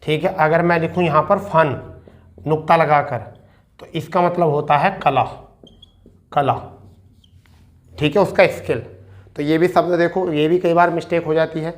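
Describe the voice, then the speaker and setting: A man's voice: fairly high pitch, fairly even intonation, normal speed, long pauses. A man teaching an exam-prep Hindi spelling lesson, repeating each word and asking and answering his own questions. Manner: addresses students as beta.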